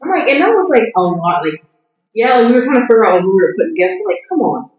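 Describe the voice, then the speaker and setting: Young woman, high voice, animated comic storyteller, very echoey room. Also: fast talker, lo-fi sound. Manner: animated, laughs often, squeals while telling. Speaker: podcast guest telling a story. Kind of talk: casual comedic storytelling.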